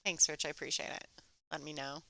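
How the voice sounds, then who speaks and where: A woman commentating live on a pool match in a restrained, soft-spoken golf-commentator voice, chatting conversationally as she follows the play. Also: deep voice, level tone, fairly quick, creaky, slight background noise. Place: alone in a chilly room.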